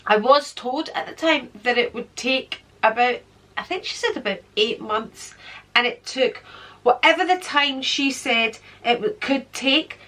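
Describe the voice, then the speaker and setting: In a casual vlog chat, a middle-aged beauty vlogger from Britain speaks in a pushed, bright voice on the high side, slightly congested from a cold. Chatty and at ease, she counts up and points out things as she goes.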